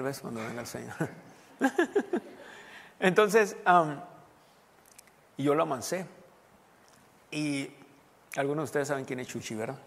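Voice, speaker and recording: A man's voice: medium pitch, gravelly, slight background noise. A male pastor preaching a sermon as a personal story, talking conversationally and asking his congregation questions. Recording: long hall reverb.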